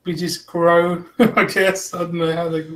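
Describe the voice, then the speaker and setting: A man's voice: on the high side, level tone, unhurried. A man playing his character in a tabletop roleplaying game, speaking in a matter-of-fact way. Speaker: player.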